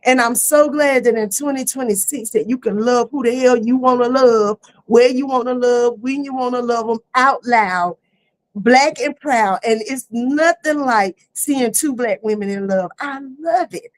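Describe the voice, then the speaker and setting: A middle-aged woman hosting a casual online talk show, lively and laughing, with easy "y'all" talk. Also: fairly high pitch, a little slow. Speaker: host. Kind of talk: casual chat. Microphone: streaming setup.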